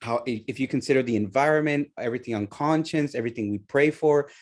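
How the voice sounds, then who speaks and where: A man's voice: medium pitch, quick pace. Earnest, laughing male co-host from El Salvador. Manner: laughs often, earnest and reflective. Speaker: co-host, immigration lawyer. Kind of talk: casual radio chat.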